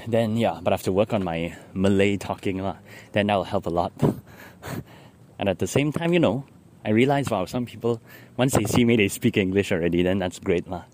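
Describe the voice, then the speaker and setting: A man's voice: on the low side, normal speed. A young man with a Singlish accent rambling casually in a diary style, meandering and ending phrases with lah. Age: young adult. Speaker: daily vlogger. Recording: loud traffic and vehicle noise.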